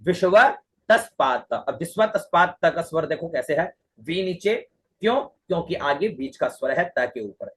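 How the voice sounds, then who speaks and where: A man's voice: fairly high pitch, animated, normal speed, husky. An Indian man teaching Vedic mantra recitation, patiently repeating syllables and drilling the chant line by line.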